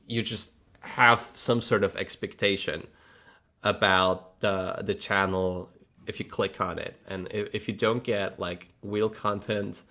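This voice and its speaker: A low, slightly bright male voice belongs to a livestream host from Poland whose first language is Polish and who has a Polish accent. In his casual chat he rambles, restarts words, and laughs a lot, frank and chatty with occasional mild swearing.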